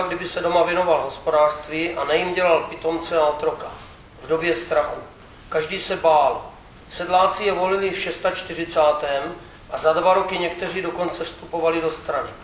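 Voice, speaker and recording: A man reading a memoir aloud with steady, wry storytelling. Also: fairly high pitch. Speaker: reader. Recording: echoey room with faint background noise.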